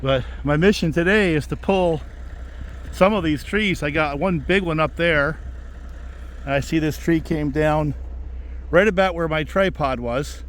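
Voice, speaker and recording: Male logger vlogger, plain-spoken and folksy, voice a touch higher than average, casual outdoor delivery. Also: measured pace. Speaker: logger presenting a video about his work. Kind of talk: casual vlog talk. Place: outdoors in winter woods.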